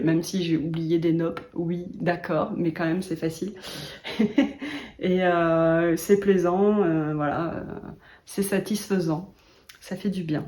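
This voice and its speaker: A woman's voice: mid-range voice, darkish tone. Woman, yarn-shop knitter, casual vlog chatter: chatty, self-mocking, laughs a lot, lots of hesitations.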